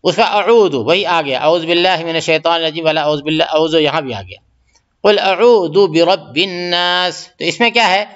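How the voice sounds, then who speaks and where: Bright-voiced man teaching Quran pronunciation. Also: a little high, expressive. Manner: explains slowly, repeats sounds to correct pronunciation. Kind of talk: tajweed lesson with recitation examples. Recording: muffled lo-fi audio.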